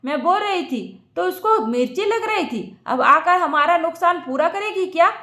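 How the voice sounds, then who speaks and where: A woman voicing an angry, sharp-tongued young wife who shouts accusations. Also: very high voice, expressive, normal speed, echoey room, exaggerated voice.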